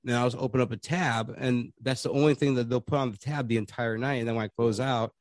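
A man's voice: medium pitch, fairly even intonation, fast talker, darkish tone, no room sound, clean studio sound. Rambling, laughing storytelling man. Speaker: podcast guest. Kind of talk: casual chat.

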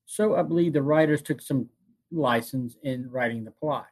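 Slightly husky man, halting narration. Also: medium pitch, a little mellow. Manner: halting, often repeats phrases. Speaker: host. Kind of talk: semi-scripted narration of TV show retrospective.

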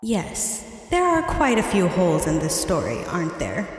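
A woman voicing a calm, ethereal female ghost guide who speaks softly, unhurried and dryly patient, with a ghostly reverb. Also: on the low side. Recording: heavy echoey reverb.

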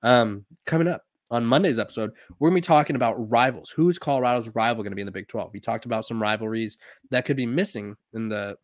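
Fast and mid-range, the voice belongs to a twentysomething man hosting a sports podcast in studio quality with no echo. His casual chatter wanders, full of "um"s, fillers, and restarts.

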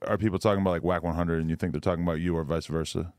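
Brief: middle-aged male podcast host, low voice, rapid loose delivery, dry close sound. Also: steady tone, darkish tone, dry recording. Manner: fast, laid-back, swears freely. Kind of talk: casual interview.

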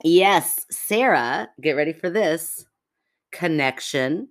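A woman's voice: deep voice, lively intonation, slow pace, no room sound, studio quality. A woman in her forties co-hosting a podcast, chatting casually, laughing often and reading listener messages aloud. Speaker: podcast co-host.

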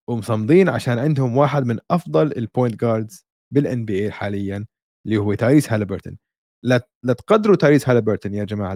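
Man, Levantine Arabic accent, podcast host, casual sports chat, quick pace, dry recording, English terms mixed in. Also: medium pitch, a little mellow, dry recording.

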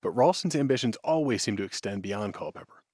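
Fast-talking American male radio reporter, slightly husky. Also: fairly low pitch, animated, a little mellow, dry recording, clean studio sound. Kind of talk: scripted news narration.

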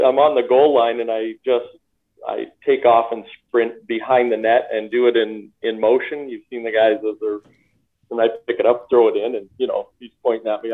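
A man's voice: mid-range voice, normal speed. Man on a tinny phone line. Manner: laughs often, repeats words, relaxed storytelling. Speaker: guest, former hockey player and coach. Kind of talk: casual interview over a call.

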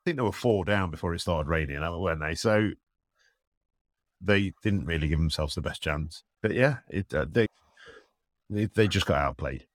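A man with an extremely deep voice, captured dry. He gives casual sports analysis as a podcast co-host, understated and a little hesitant, keeping his voice quiet. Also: normal speed, dry recording. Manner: speaks quietly at home late at night.

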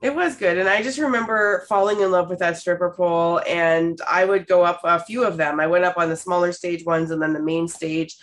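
A woman in her thirties from Canada, hosting a podcast and telling stories in a candid, expressive way with casual swearing. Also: fairly low pitch, brisk, hardly any pauses. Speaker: podcast host. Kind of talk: casual storytelling chat.

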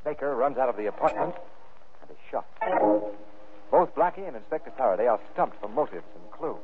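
A man's voice: mid-range voice, big pitch swings, a little fast. Old radio show announcer, a man. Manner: formal recap narration. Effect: old radio broadcast. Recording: tinny old radio recording with music.

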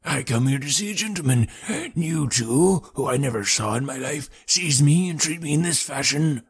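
Man putting on a wheezing old sailor, gravelly and stubborn. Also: on the high side, animated, voice pushed up. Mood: petulant. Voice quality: gravelly, breathy, slow. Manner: petulant, obstinate, halting. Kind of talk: audiobook character reading.

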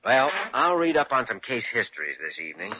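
An actor playing an earnest, persuasive young doctor in an old-time radio drama, patient but firm in manner. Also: male voice, medium pitch, very animated, a little fast. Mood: thoughtful. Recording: muffled old radio broadcast recording.

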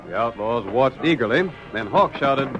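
A man's voice: medium pitch, animated, normal speed, lo-fi sound, over music, lightly acted. A man giving dramatic scripted narration for an old-time radio western.

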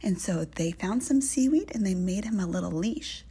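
A woman softly whispering a children's story in a breathy, gentle, slow way. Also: mid-range voice, animated. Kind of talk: whispered bedtime story narration.

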